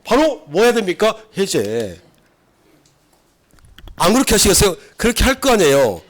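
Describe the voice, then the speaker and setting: A middle-aged South Korean man teaches a class on civil law at a moderate pace, his slightly high voice making huge pitch swings as he acts out examples. He constantly fires questions at his students.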